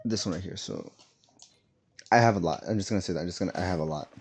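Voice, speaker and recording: Gravelly and low with a breathy edge, this man talks fast as he streams a game on a laptop setup. His casual chat rambles along with lots of filler words and corrections of himself.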